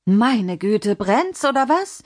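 A woman voicing a small, sharp-tongued middle-aged woman who shouts commands in a strong voice. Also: fairly high pitch, big pitch swings, takes it slowly, pitched above the performer's own voice, heavily acted. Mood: exasperated. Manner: loud, scolding, strong-voiced.

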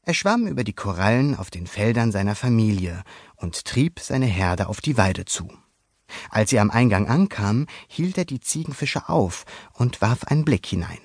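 A man narrating a children's story aloud in a lively storytelling manner. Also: lowish voice, moderate pace, no echo, studio quality.

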